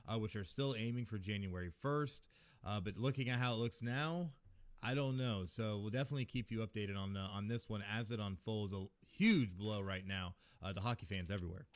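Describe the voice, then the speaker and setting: A man co-hosting a sports podcast in casual talk, chatty and quick to explain. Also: on the low side. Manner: chatty, reads a promo. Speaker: podcast co-host.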